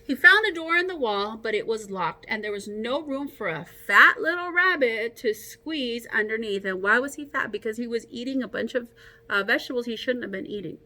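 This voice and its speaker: This teacher's voice is fairly high and a little quick, and the recording is rough. She reads a story to children with expression and encouragement, chatting casually to the kids along the way.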